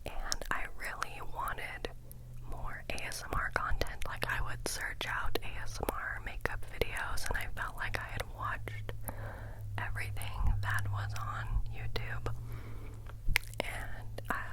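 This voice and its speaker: A young woman whispering softly and intimately, close to a binaural mic, chatting casually as she answers questions in ASMR style. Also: a little slow, low-quality recording. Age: young adult. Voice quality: soft unvoiced whisper. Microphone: close binaural microphone.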